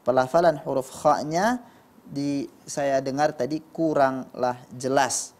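Male judge, calm instructive critique, demonstrates pronunciation. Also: mid-range voice, slow pace. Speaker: Quran recitation judge. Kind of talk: spoken critique of recitations.

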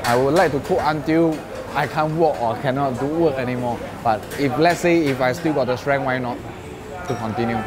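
A man's voice: medium pitch, moderate pace. A man in his thirties with a Singaporean English accent, a hawker chef talking in a plain, earnest way in a casual interview at his food stall. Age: 30s. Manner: plain, earnest, simple broken phrasing. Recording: music bed under voice.

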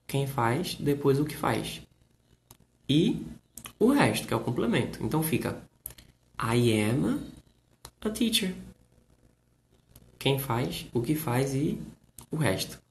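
Brazilian guy teaching english on a live stream, takes it really slow, repeats stuff, cracks jokes. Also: on the high side. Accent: Brazilian Portuguese. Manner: slow, repetitive explaining with playful jokes. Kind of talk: live-streamed lesson, reading viewer comments. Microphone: live stream setup.

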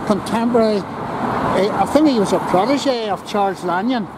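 A man giving an unhurried, chatty walking-tour commentary outdoors at a busy city junction, pausing and restarting as he goes. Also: sits high. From Northern Ireland. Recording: loud street traffic over the voice.

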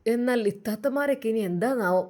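Earnest woman storyteller, high voice. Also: brisk, a little mellow. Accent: Malabar Malayalam. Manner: emotive, earnest. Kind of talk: dramatic story narration.

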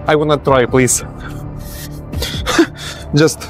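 In a hidden-camera prank set in a large indoor gym with music playing, a young man poses as a cleaner. He speaks slowly in broken English, his fairly high voice keeping fairly even intonation, while he apologizes and giggles constantly.

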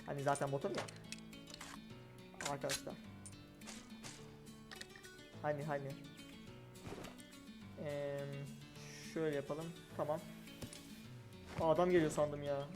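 Excitable young man commenting a shooter game. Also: fairly high pitch. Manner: excitable, talks to himself and opponents. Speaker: gaming streamer. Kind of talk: live gameplay commentary. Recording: game music and gunfire behind. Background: game music and gunshots.

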